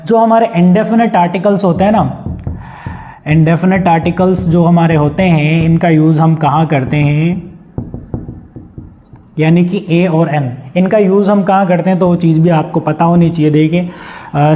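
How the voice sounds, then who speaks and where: A man's voice: fairly high pitch, moderate pace, dark tone. A young man with a Hindi accent teaching an English grammar lesson. He keeps asking the class questions and then answers them himself. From India.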